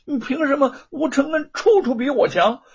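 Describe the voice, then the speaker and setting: A man voicing a spoiled, jealous young rich man who bursts out loudly and indignantly. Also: very high-pitched, moderate pace, voice pushed up. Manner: loud indignant outbursts. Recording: dull lo-fi recording.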